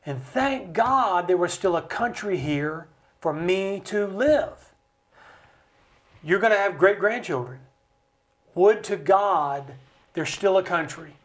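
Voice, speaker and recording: An American man speaking as a studio interview guest. He explains with passion and acts out other people's voices with big swings in pitch. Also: lively intonation, slow pace, pauses often, fairly bright tone. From United States. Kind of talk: impassioned conversational explanation. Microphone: studio mic.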